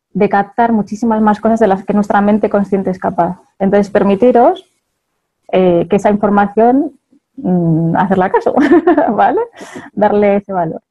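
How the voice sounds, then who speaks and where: A woman's voice: mid-range voice, lo-fi sound. A woman with a Spain Spanish accent giving a chatty motivational talk to an audience, laughing often and checking in with her listeners.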